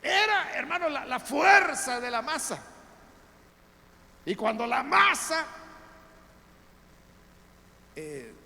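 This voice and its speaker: A man pastor, giving a conversational Bible study sermon in a church, often calling listeners brothers and building to loud emphatic peaks. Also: extremely high pitch, big pitch swings, takes it slowly, vocal fry. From El Salvador. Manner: conversational preaching, addresses listeners as brothers, frequent tag questions. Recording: reverberant church hall, faint background noise.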